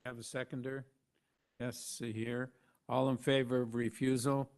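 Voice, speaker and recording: A Canadian man chairing a public planning hearing, brisk and procedural. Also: medium pitch, level tone, darkish tone, clean tone. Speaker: committee chair.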